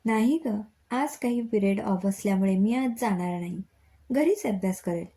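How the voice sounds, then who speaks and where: Young college guy in a storybook, playful and cheeky, mellow voice, as a woman narrator puts him on. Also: medium pitch, normal speed, natural voice.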